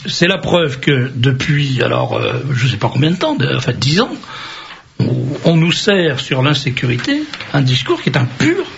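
A man's voice: medium pitch, very animated, normal speed, vocal fry. A man hosting a radio interview, blunt and opinionated, pushing the guest with provocative remarks. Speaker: radio host. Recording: dull lo-fi radio recording with faint noise.

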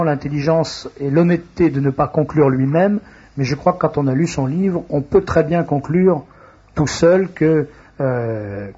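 A man hosting a radio talk show, reading announcements in a halting way with frequent hesitations. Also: a little high, mellow, husky. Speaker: radio host. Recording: dull lo-fi radio recording.

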